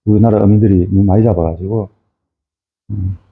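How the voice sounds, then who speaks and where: A man's voice: on the low side, fairly even intonation, fairly quick, creaky. A middle-aged man giving an informal lecture on fisheries, rambling with many fillers and tag questions. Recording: tinny phone-like audio.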